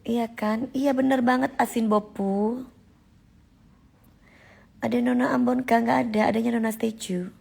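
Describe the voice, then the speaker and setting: Gravelly-voiced woman chatting on a live stream. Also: on the high side, fairly even intonation, unhurried, long pauses, darkish tone. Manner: chatty, emphatic, answers comments directly. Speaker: live-stream host reading viewer comments. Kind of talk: casual live-stream chat.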